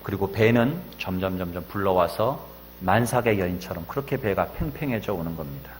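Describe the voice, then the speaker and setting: A male pastor telling a story in a sermon, often rising to loud emphasis. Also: deep voice, expressive, fairly quick, a little hiss or hum. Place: church sanctuary. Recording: echoey church hall.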